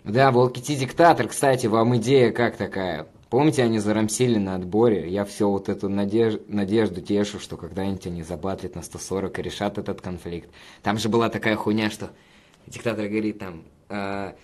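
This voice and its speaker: A man with a fairly low voice hosts a relaxed livestream, reading out viewer comments. He rambles and curses freely, teasing the audience as he goes. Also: fairly quick. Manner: profane, rambling, banter with viewers. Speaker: livestream host reading chat. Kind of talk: casual livestream chat.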